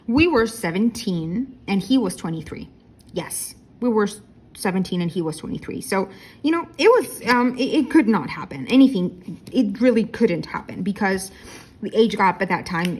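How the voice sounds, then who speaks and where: A woman in her thirties chatting casually in a vlog while crafting, tired and yawning, rambling with fillers and correcting herself. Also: mid-range voice. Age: 30s. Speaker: diamond painting vlogger. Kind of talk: casual chat.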